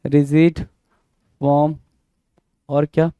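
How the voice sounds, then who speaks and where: A man with an Indian accent teaches exam-prep vocabulary in a mellow, fairly high voice with a flat, slow delivery and a clean tone. He repeats every word, spells it letter by letter, and keeps quizzing the class. The lo-fi sound is close and dry, with no room echo.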